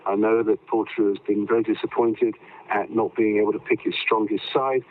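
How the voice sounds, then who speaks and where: A man's voice: lowish voice, flat delivery, brisk, slight background noise. Man on a tinny video-call line. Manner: hesitant, with many fillers and restarts. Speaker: rugby commentator. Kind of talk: remote news interview. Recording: tinny phone-like call audio.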